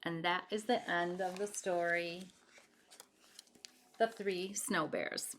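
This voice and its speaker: A woman with a low-leaning voice reads slowly from a children's story, animated and expressive, questioning her young listeners directly. Slight background noise can be heard.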